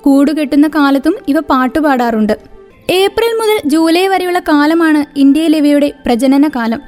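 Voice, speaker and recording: Woman narrator, high voice, steady scripted read over soft music. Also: normal speed. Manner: even, informative reading pace. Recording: faint background music.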